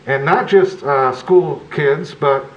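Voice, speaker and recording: A man talks through a face mask in a measured, halting way, as a commissioner at a public meeting. The sound is dull and the room echoes around him. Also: a little high. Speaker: planning commission member.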